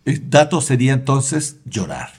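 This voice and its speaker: A man's voice: medium pitch, very animated, a little slow, darkish tone. Easygoing male podcast co-host. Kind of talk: casual podcast hosting.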